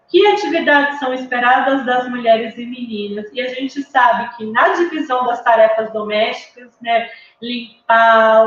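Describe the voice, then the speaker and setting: A woman's voice: fairly high pitch, fairly bright tone. A woman giving a recorded psychology lecture, explaining step by step with lots of tag questions and lists of examples. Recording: very roomy, dull lo-fi sound with faint room noise.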